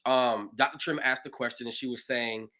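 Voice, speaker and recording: A man, a pastor hosting a livestreamed conversation, telling his own stories in an animated, expressive way. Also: mid-range voice, moderate pace. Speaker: pastor and show host.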